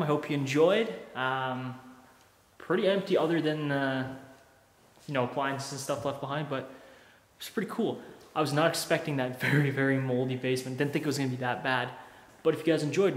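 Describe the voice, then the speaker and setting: This slightly high, slightly quick male voice belongs to a young urban explorer from Canada. He's touring an abandoned mansion basement, chatting casually with his viewers and calling them "guys" as he goes. His walkthrough commentary echoes through the empty rooms.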